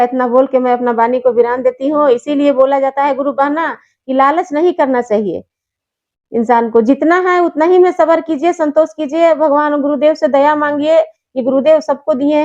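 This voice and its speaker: A woman telling a devotional story in a homely, moralizing manner. Her voice is high, and the recording sounds slightly dull and muffled. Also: moderate pace, darkish tone.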